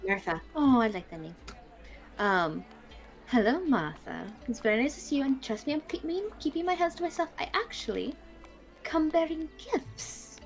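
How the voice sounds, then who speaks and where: A woman's voice: high voice, expressive, normal speed, vocal fry, soft background music, pitched above the performer's own voice. A woman voicing a friendly, eager-to-please adventurer who talks in a sweet, slightly flustered way. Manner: bubbly, sweet, a little flustered.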